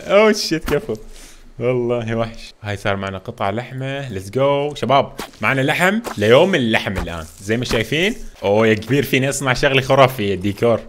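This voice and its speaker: A man giving live commentary while he plays a survival role-play game, excitable and full of exclamations, with English gaming slang dropped in. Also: mid-range voice, quick pace, a little hiss or hum. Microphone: home gaming mic that a friend says sounds off.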